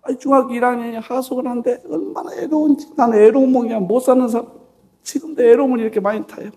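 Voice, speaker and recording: Korean pastor guy preaching, high gravelly voice, goes from shouting to whispering, real emotional. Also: fairly even intonation, fast. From South Korea. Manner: emotional, swings from loud exclaiming to hushed whispers. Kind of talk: sermon with personal storytelling. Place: church dawn service.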